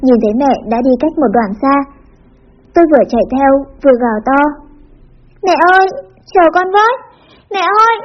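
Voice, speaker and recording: A woman reading a teen story aloud with an even, expressive narration. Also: high voice. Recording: dull lo-fi with faint music.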